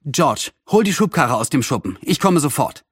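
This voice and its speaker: A man voicing a busy, motherly middle-aged aunt in a storybook reading, brisk and a little scolding. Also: fairly high pitch, big pitch swings, breathy edge, no room sound, clean studio sound.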